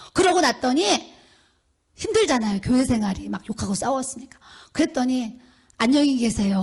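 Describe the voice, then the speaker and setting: A middle-aged woman, a pastor's wife, preaching a sermon as a storyteller who acts out the people she quotes. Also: sits high. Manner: storytelling, acts out quoted speech with rising emphasis.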